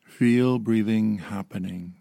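A man in his fifties gently guiding a slow mindfulness meditation, calm and unhurried with long pauses. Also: on the low side, gravelly, no room sound, studio quality. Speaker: meditation guide.

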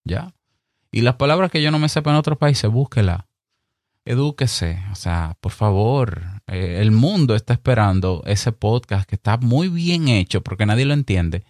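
A man with a Dominican accent hosting a podcast, giving emphatic, direct advice and speaking slowly and clearly on purpose. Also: mid-range voice, lively intonation, darkish tone, dry recording, clean studio sound. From Dominican Republic. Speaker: podcast host. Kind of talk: advice talk to fellow podcasters.

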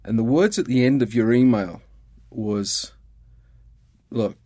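A man's voice: mid-range voice, takes it slowly, warm tone, breathy edge, dry recording, clean studio sound. A middle-aged Australian man with an Australian accent, talking earnestly and reflectively as a podcast guest. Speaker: guest, ministry worker. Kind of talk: casual conversation.

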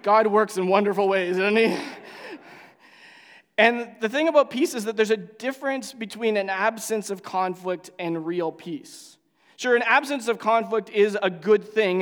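A man's voice: high-pitched, big-room sound. A male pastor praying and then preaching in a conversational, storytelling way with frequent restarts. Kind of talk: sermon with prayer.

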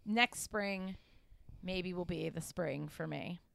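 Chatty young woman, smooth voice. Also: fairly low pitch, takes it slowly, a bit bright, no room sound, studio quality. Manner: chatty, laughs often, many "like" fillers. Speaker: podcast co-host. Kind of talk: casual chat.

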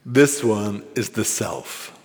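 Slow, gravelly Zen teacher in a hall. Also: male voice, fairly low pitch, expressive, slight background noise. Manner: informal, musing, with fillers and asides. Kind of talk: dharma talk. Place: meditation hall at a retreat.

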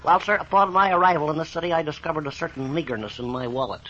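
An actor playing a glib, wordy, cheerful, broke blanket salesman in a 1940s radio comedy, with brisk, florid patter. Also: a little high, sharp tone. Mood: frank, unbothered. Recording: noisy, dull 1940s radio recording.

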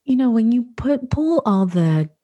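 A woman from Curacao with a London English accent guests on a podcast, talking casually about her family, laughing easily and repeating words as she goes; she works as a food photographer. Her voice is on the high side and very animated, unhurried, with a dark tone. The audio is dull, with no room sound.

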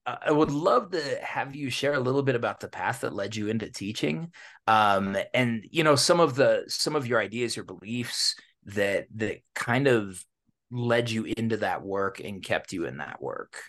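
A man's voice: medium pitch, lively intonation, moderate pace, fairly bright tone. A man with an American accent hosting a podcast in an informal, slangy way, dropping in bits of Spanish. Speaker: podcast host. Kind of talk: casual hosting and interview.

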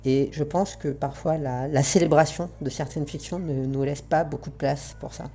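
Low, mellow woman through a voice changer. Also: fairly even intonation, moderate pace. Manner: earnest, reflective, searching for words. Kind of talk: spoken essay on roleplaying games.

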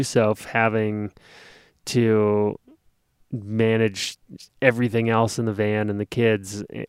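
A man in his thirties co-hosting, telling a travel story casually and acting out his own panicked shouts. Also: on the low side, clean tone, no echo, clean studio sound. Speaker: podcast co-host.

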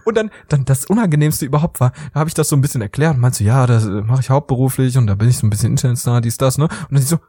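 A man's voice: mid-range voice, rapid-fire, few pauses, breathy edge, no echo, clean studio sound. A man co-hosting a casual chat podcast, telling stories with lots of laughter and acting out what people said. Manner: animated storyteller who acts out quotes and laughs a lot. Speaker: podcast co-host.

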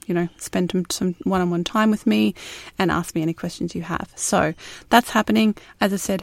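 A woman's voice: on the low side, gravelly, darkish tone, no echo. An Australian woman hosting a casual solo podcast, recorded close to the mic inside a small closet at home, chatty and upbeat. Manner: chatty and upbeat, with frequent fillers. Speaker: podcast host.

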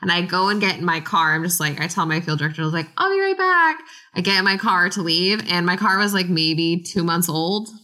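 Woman, archaeologist, podcast chat, lowish pitch, sharp bright tone, rambling fillers. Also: fairly even intonation, fast, few pauses.

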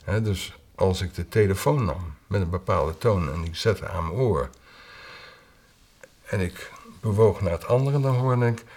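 A former orchestra conductor, a man, telling his own story in a halting, reflective way with pauses and filler sounds. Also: deep voice, animated, a little mellow. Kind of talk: personal storytelling interview.

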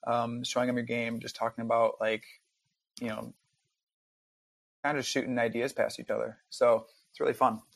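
Relaxed rambling male game developer. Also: mid-range voice, moderate pace, vocal fry, long pauses, dry recording. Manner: relaxed, rambling, lots of fillers. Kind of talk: casual podcast chat.

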